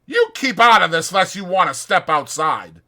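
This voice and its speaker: A man's voice: high voice, very animated, normal speed, voice pushed up, heavily acted. A man doing a snarling hot-headed young ranch hand. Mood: belligerent. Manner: snarling, shouting in rage. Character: hot-tempered young male ranch boss's son, cocky.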